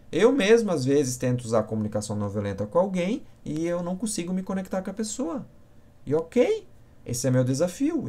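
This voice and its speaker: A man's voice: mid-range voice, a little mellow. A man teaching on a live stream, answering viewers by name and checking in often with short questions. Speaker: communication instructor.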